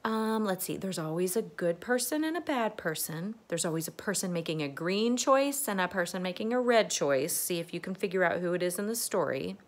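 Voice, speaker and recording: A woman reading a fairy tale aloud to young children as their teacher. Her voice climbs and dips in a lively sing-song. She talks gently and expressively, like a circle-time host. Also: fairly low pitch, fairly quick, hardly any pauses. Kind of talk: reading a picture book to children.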